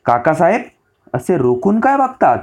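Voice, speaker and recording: A man's voice: high voice, sing-song, normal speed, pitched above the performer's own voice. A man voicing an eager young noble heir. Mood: respectful. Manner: polite, deferential address to his uncle.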